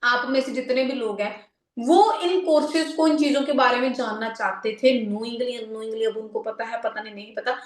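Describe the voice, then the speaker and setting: Woman, spiritual healing teacher, live talk, conversational, English words mixed in, higher voice, echoey room. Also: normal speed. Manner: frequent "theek hai ji" check-ins; acts out quoted people.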